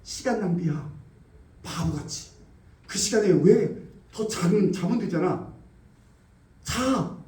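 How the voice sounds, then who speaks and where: A preacher putting on a sneering tempter spirit. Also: male voice, high-pitched, animated, slow, pauses often, darkish tone. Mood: mocking. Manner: mocking, coaxing. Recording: echoey church hall from far off.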